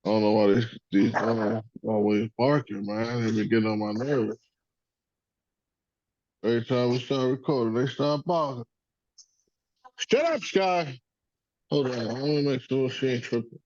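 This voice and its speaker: A man's voice: medium pitch, level tone, normal speed, a little mellow, dry recording. Rambling profane man on a muffled call. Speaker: podcast host. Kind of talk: casual sports chat.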